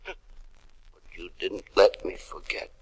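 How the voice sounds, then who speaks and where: A man performing a dramatic monologue as an anguished, lonely male monster, moving between hushed whispers and desperate shouts. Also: low-pitched, animated, slow, gravelly, husky, heavily acted. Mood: remorseful. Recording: noisy recording with clicks.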